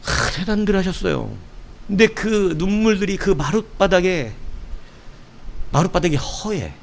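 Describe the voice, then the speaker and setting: A middle-aged male pastor preaching a sermon in a playful, animated way, acting out prayers and quotes. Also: high-pitched, measured pace, gravelly.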